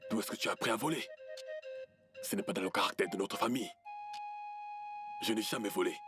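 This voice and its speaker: A man's voice: fairly low pitch, a little fast, over music, natural voice. A man dubbing into French a proud family man who reproaches his wife in a pleading tone. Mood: reproachful. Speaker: character in a dubbed film. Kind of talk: French film dub. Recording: film score playing behind.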